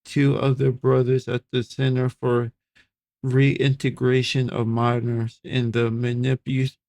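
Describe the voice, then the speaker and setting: Slow, gravelly-voiced man reading aloud. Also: medium pitch, flat delivery, darkish tone, no room sound. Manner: stumbles over hard words and repeats them; slow, halting delivery. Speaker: streamer reacting to videos. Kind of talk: reading an article aloud and reacting.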